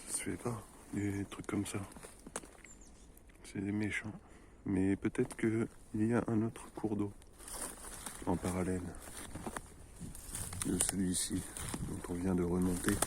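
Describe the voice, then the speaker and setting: A man's voice: low-pitched, level tone, measured pace, long pauses. A man vlogging outdoors in a snowy forest, joking with viewers in a mock-formal explorer manner. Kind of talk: playful mock-explorer commentary. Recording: noisy outdoor recording.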